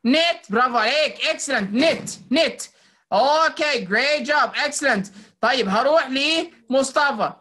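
Teaching children phonics by video call, a woman with an Egyptian Arabic accent encourages and praises them, mixing English into her speech. She speaks at normal speed in a high, fairly bright voice with lively intonation.

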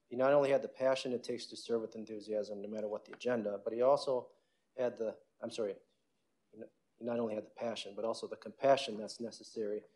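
A man's voice: on the low side, a little mellow, poor audio. A middle-aged man, a city council member, reading a prepared invocation in an earnest way, with small restarts, in a council chamber on a desk mic.

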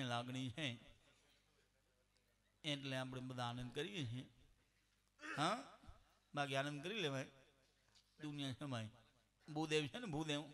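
A man's voice: fairly high pitch, bright, forceful tone. A man with a Gujarati accent telling jokes and stories on stage as a live comedian, talking straight to the audience. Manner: storytelling with quoted dialogue, addresses audience directly. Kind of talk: live stand-up joke telling.

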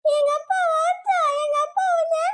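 A woman voicing a stubborn crying little schoolgirl in a puppet-show cartoon, whiny and sing-song, shouting drawn-out threats. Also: very high-pitched, steady tone. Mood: defiant.

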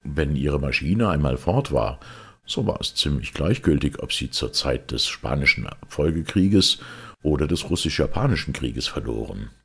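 Deep-voiced guy doing the unsure i-narrator in a story, husky, reasoning things out slow. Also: expressive, exaggerated voice. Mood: doubtful. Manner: hesitant, reasoning questions. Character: uncertain male listener, the story's first-person narrator.

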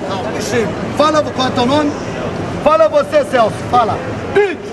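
A man doing a street show, joking loudly with the crowd and bossing a small puppet around. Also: very high voice, expressive, moderate pace. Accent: Brazilian Portuguese. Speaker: street performer. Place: busy city street outdoors. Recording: loud crowd and street noise.

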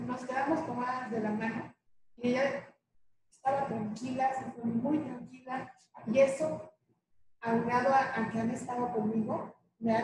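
Woman, earnest and halting, far from the mic, heavy room echo. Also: a little high. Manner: earnest, halting, many pauses to find words. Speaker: workshop participant. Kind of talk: personal testimony. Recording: very echoey room, far mic, background noise.

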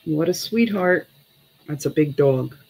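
A woman's voice: low voice, expressive, vocal fry, a little mellow, husky, low-quality recording. A middle-aged woman hosting a casual live online sale as an informal auctioneer, chatting between bids and prices in a small room at home. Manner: unhurried, with pauses. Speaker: online auction host selling vintage glass.

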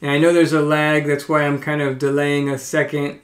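A man's voice: a little high, level tone, normal speed. A man hosting a casual live stream, talking hesitantly with lots of ums and restarts as he runs a sale. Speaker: live stream host selling coins.

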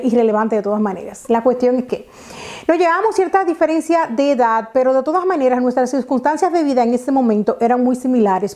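Chatty Dominican woman vlogging at home. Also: fairly high pitch. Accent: Dominican Spanish. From Dominican Republic. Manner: chatty, animated hand gestures, many fillers and restarts. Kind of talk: casual storytelling to camera. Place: living room at home, indoors. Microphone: lapel mic.

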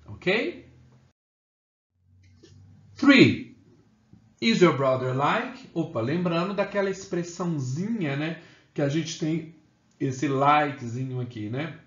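A man's voice: fairly high pitch, lively intonation, slow, pauses often. A man teaching an English grammar lesson to Portuguese speakers, explaining step by step and checking in with "né?" and "ok?". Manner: explains step by step, often adds "né?" and "ok?". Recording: echoey room, slightly dull sound.

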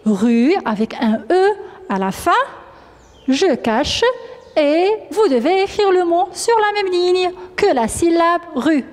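A woman teacher giving a dictation to young pupils, slowly repeating each word and syllable. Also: extremely high pitch, animated, a little mellow, big-room sound. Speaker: primary school teacher. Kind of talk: classroom dictation lesson.

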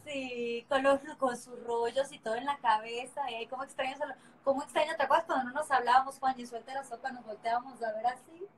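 A woman's voice: high-pitched, steady tone, a little hiss or hum, poor audio. A Mexican woman in her thirties hosting a live stream, chatting playfully and laughing often. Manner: playful, teasing, quick to laugh. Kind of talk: casual chat on a live video call.

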